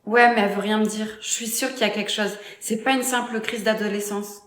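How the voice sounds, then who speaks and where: A woman's voice: mid-range voice, steady tone, fairly quick, a bit bright, close to an everyday voice. A synthetic-voiced fed-up young woman, roomy echo. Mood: worried. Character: fed-up, suspicious young woman, partner and mother. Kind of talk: scripted text-to-speech story dialogue.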